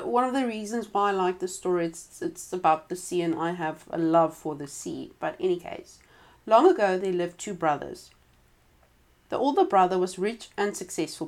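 A woman reading a folk tale aloud to a listener, breaking off for casual asides. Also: mid-range voice. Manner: conversational, with frequent asides and restarts. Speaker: storyteller.

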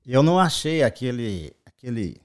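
A man's voice: mid-range voice, big pitch swings, moderate pace. A man with a Brazilian accent, a father telling rambling travel anecdotes in casual family chat and chuckling as he goes. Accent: Brazilian Portuguese.

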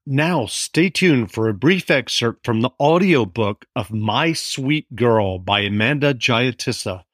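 Male interview host, smooth scripted delivery, dry close sound. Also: medium pitch, no room sound. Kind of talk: radio-style interview hosting.

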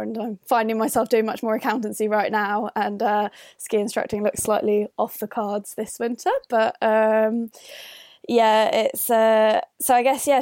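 Woman, young adult guest on a call, gravelly, halting chat, dry sound. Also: on the high side, a little mellow, no room sound. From Northern Ireland. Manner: hesitant, many fillers and restarts. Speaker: guest, adventure athlete. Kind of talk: casual interview answers. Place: home, remote call.

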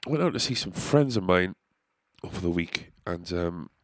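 Expressive and low-pitched, the man speaks at normal speed in studio quality with no room sound. As a comedian and musician hosting his own podcast, he offers a rambling, casual monologue that's sweary and self-deprecating, delivered with a stuffy nose.

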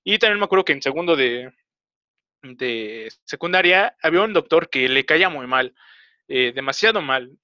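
A young man with a Mexican Spanish accent telling a personal story in casual talk, halting and rambling with many filler pauses. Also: a little high, animated, sharp tone, dry recording. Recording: slightly dull, dry recording.

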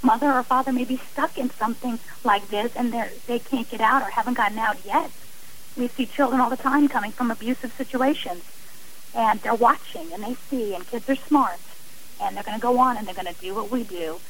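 On a low-quality recording with slight background noise, a middle-aged woman talks briskly in a fairly bright, high-leaning voice. She is an author and abuse survivor appearing as a radio interview guest, recounting her experiences earnestly, emphatically and conversationally.

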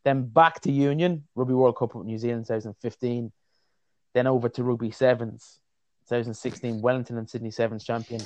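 A man co-hosting a casual podcast chat, animated and quick to act out voices in his stories. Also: mid-range voice, no room sound, dull audio. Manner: animated, puts on voices when telling stories. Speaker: podcast co-host.

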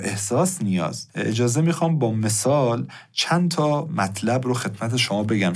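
A man giving a podcast lecture on handling anger, explaining politely to his listeners. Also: lowish voice. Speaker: anger-management speaker.

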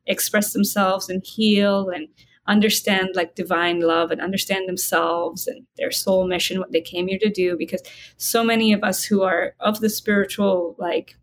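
Woman, interview guest, calm and reflective, measured pauses, faint background hiss. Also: medium pitch. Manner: calm, reflective, slows down for emphasis. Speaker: spiritual guide and interview guest. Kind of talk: conversational interview.

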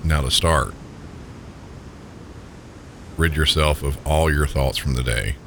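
A man with an extremely deep voice and a Southern US accent works as a sleep story narrator. He speaks gently and calmly, guiding the listener slowly toward rest. A steady, loud low rumble of noise runs behind him. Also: vocal fry. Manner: calm, gentle, unhurried guiding. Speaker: sleep story podcast host. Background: low pink-noise rumble.

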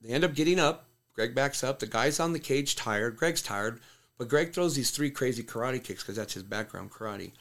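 This podcast guest, an MMA coach who also fights, speaks at a moderate pace in a medium-pitched, slightly bright voice. He tells a fight story bluntly and casually, with plenty of swearing.

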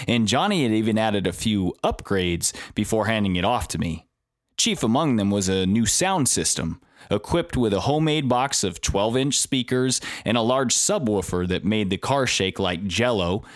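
Low-voiced male memoir narrator. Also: no room sound, clean studio sound. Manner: reflective, confessional.

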